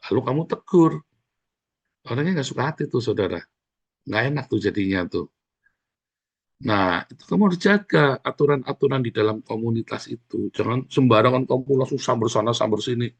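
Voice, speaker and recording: A man's voice: medium pitch, animated, a little fast, gravelly, slightly rough. A man pastor preaching a conversational sermon, scolding and coaxing his listeners with frequent direct asides. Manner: acts out quoted speech in livelier voices.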